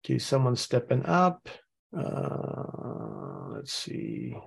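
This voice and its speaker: Over a remote call setup, a Norwegian podcast host chats casually, thinking aloud as he reads and muses through material with many restarts. His medium-pitched voice is gravelly and slightly rough, very animated yet very slow.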